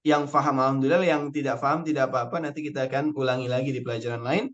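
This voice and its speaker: A man's voice: medium pitch, fairly even intonation, dull audio. A young man teaching an online Arabic spelling lesson, patiently explaining rules step by step and repeating key words. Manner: recites Quranic verses slowly in chant.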